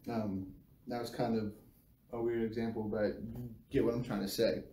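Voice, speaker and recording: Recorded on a phone camera a few feet away in a small, bare-walled indoor room, a mellow-voiced man from the United States gives an informal, livestream-style church devotional. His lowish voice is flat in delivery, and he halts and doubles back on phrases, while the audio sounds roomy and slightly distant with faint noise.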